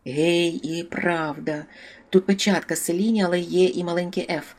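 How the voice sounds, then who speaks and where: An audiobook reader voicing a coarse, loud male thug who swears constantly and bursts out at his partner. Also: medium pitch, fairly even intonation, normal speed, natural voice. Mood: admiring. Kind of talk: audiobook character voice.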